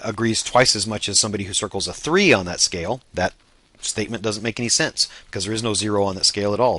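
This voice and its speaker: A man giving a statistics lecture, explaining step by step and often pausing on "uh" fillers. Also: lowish voice. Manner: many "uh" fillers, relaxed explaining.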